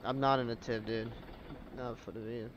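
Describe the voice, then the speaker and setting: Young male game streamer, congested and drowsy, mid pitch, faint game sounds underneath. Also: normal speed, muffled recording, background noise. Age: young adult. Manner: laid-back, bursts into excited shouts at action. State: stuffed up, sleepy. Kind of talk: live gameplay commentary.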